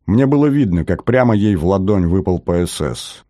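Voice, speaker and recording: A man narrating an audiobook in the first person, steady and measured, on a close mic. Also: low voice, no echo.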